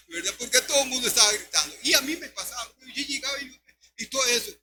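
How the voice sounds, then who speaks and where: An older man, preaching an emphatic sermon as pastor and often calling his listeners brother. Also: very high voice. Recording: noisy recording with steady hum.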